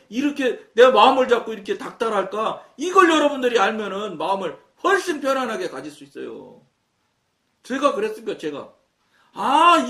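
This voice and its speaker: A man's voice: very high voice, sharp tone. A man from Chungcheong with a Chungcheong accent, preaching a sermon, telling his story and acting out the dialogue. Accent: Chungcheong Korean. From Chungcheong, Korea. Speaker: pastor. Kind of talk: sermon talk. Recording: echoey room, mic at a distance.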